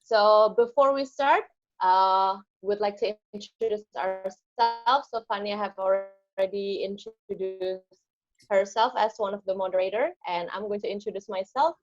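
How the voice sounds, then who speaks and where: A woman's voice: mid-range voice, unhurried. A young woman from Indonesia, an intern moderating an online panel over a video call, hesitant with many ums and uhs. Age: young adult. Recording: slightly muffled video call audio.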